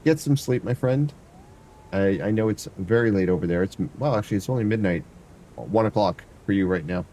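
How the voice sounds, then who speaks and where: On the low side and warm, a man talks fairly quickly over slight background noise while streaming a game. The variety streamer has a stuffy nose and offers rambling, casual commentary, thinking aloud and humming along.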